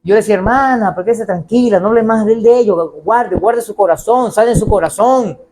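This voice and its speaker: High-voiced preaching pastor, man. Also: a little fast. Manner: animated preaching, acts out quoted voices. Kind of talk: sermon. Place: church.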